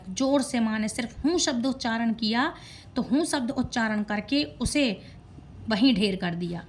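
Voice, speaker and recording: A woman reading a devotional scripture aloud in Hindi, stopping to explain words and correcting herself as she goes. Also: a little high. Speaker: scripture reciter.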